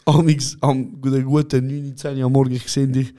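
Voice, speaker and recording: Speaking at a normal speed in a mid-range voice, this young Swiss German-accented podcast co-host keeps the casual chat lively. He teases his friend and plays out scenes, putting on different voices.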